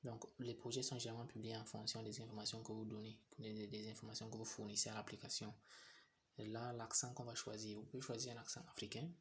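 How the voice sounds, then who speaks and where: A man's voice: on the low side, level tone, quick pace, fairly bright tone, a little hiss or hum. A young man from Cameroon, walking viewers step by step through an app tutorial, often hesitating and repeating himself. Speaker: tutorial host. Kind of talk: screen-recorded phone app tutorial.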